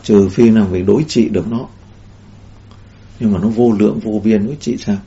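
A man's voice: fairly low pitch, steady tone, normal speed, dark tone. A man giving a Buddhist dharma talk in a rambling way, with many fillers and restarts. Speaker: Buddhist teacher. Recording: dull lo-fi recording.

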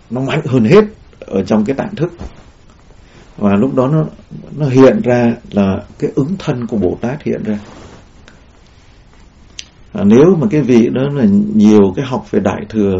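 Gravelly dark-voiced man giving a dharma talk. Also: medium pitch. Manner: rambling, many fillers and restarts. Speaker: Buddhist teacher. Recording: dull lo-fi recording.

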